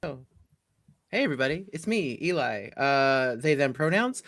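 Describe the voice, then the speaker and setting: A man's voice: medium pitch, very animated, normal speed, fairly bright tone. A man introducing himself as a player on a tabletop game stream, bubbly and joking. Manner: bubbly, joking, self-deprecating. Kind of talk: casual chat on a game stream.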